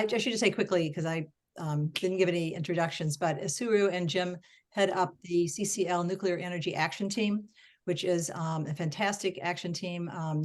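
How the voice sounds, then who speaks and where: Give me an older woman in her sixties hosting a video meeting from her home office. Her voice sits a little low for a woman. She chats along easily, with plenty of um fillers. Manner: chatty, with frequent um fillers. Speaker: meeting host. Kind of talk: casual meeting introduction. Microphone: video call.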